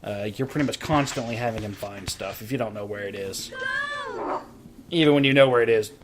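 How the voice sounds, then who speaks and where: A man's voice: lowish voice, a little fast, very noisy. Profane young man narrating a game. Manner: profane, laughing, explanatory. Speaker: let's play host. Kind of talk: casual game commentary. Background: game music.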